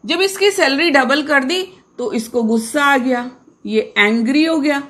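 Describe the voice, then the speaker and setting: High-voiced woman teaching English grammar. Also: fairly bright tone. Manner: explains slowly with repetition and questions to pupils. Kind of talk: classroom lesson explaining grammar.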